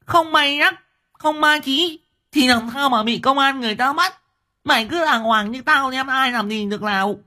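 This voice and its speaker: A man voicing a loud, hysterical middle-aged mother who scolds and wails at a shriek. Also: normal speed. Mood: shrieking scolding. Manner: wailing, scolding at a high shriek.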